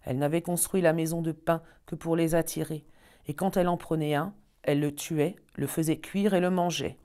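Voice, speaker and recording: A woman storyteller reading a fairy tale aloud in an expressive, measured way. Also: low-pitched.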